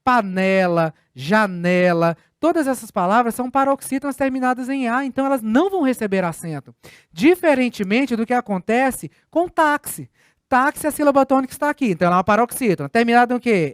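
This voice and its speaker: A teacher giving a recorded grammar lesson, explaining step by step with patient, clear phrasing and questions to the students. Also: medium pitch, animated, brisk, no echo, studio quality.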